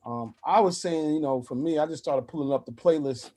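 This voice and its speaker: Higher-voiced easygoing male host. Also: brisk, warm tone. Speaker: podcast host. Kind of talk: casual podcast chat.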